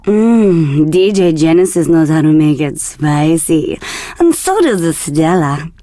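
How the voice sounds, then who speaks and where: An Argentine actress voices a flirty, confident radio DJ in a video game, delivering scripted patter in a seductive, teasing way. Her low voice is slow and mellow with lively intonation, and the mood is flirty and upbeat. The studio-quality recording has no echo.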